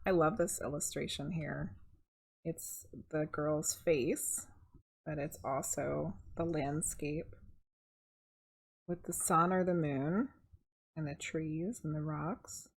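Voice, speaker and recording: Low-pitched and a little husky, a middle-aged woman reads a children's picture book slowly, pausing often. Her delivery is expressive and conversational, sprinkled with casual asides to those watching.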